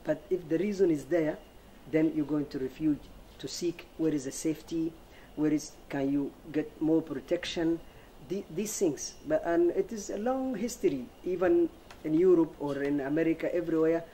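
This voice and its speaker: A man with a fairly high but mellow voice speaks non-native English as a guest in a discussion. He talks haltingly and emphatically, often repeating words. Faint noise sits behind him. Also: poor audio. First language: not English. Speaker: interview guest. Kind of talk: unscripted panel talk.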